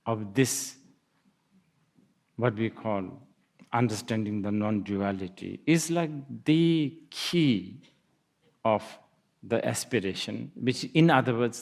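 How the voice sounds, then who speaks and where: A man's voice: medium pitch, lively intonation, slow, pauses often, a little mellow. A man giving a Buddhist dharma talk, musing aloud with laughs and hesitant restarts. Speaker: Buddhist teacher. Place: lecture hall.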